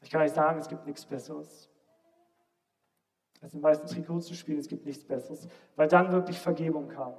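A man with a fairly high voice delivers a sermon built around a personal story, addressing the congregation directly. His delivery swings from loud, insistent emphasis to quiet, nearly whispered lines. The long tail of a large hall follows every phrase. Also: steady tone, moderate pace. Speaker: preacher.

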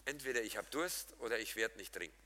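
A man preaching a lively, humorous sermon, speaking directly to his congregation and swinging between loud emphatic lines and soft quiet ones. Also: on the low side, fast talker, big-room sound, slight background noise.

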